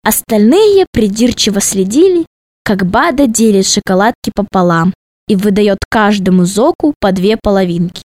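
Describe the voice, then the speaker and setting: A woman narrating a children's storybook in a playful, expressive way. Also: mid-range voice, normal speed, dry recording.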